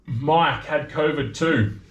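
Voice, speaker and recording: Speaking slowly in a slightly high voice, an Australian man in his thirties chats loosely on a livestream he hosts as a maker, drifting between subjects and reading out viewer comments. Camera audio in his workshop sounds reverberant and dull.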